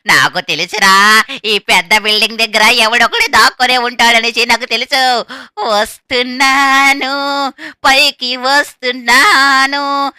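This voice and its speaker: A woman's voice: medium pitch, sharp tone, no echo, clean studio sound. A woman voicing a menacing male ice cream man killer who taunts the people he hunts in a game video. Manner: gloating, taunting, cackling threats.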